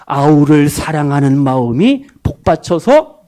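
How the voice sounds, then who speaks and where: A male pastor preaching a sermon. He swings between loud bursts and soft low asides, asks the congregation questions and answers them himself, and acts out little dinner-table lines. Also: sing-song, a little slow.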